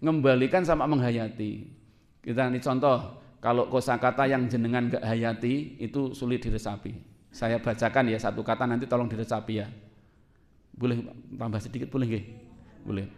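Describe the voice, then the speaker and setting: A man preaching to a congregation in a lively, conversational way, asking his listeners questions and laughing along with them. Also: medium pitch, moderate pace. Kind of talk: sermon to a congregation.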